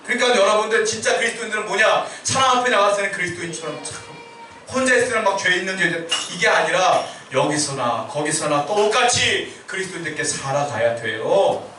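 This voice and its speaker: A man's voice: high-pitched, expressive, a little fast, pushed and bright. A man preaching a sermon as pastor, asking his congregation questions and answering them himself. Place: church sanctuary. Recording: echoey church hall, mic far off, faint hiss.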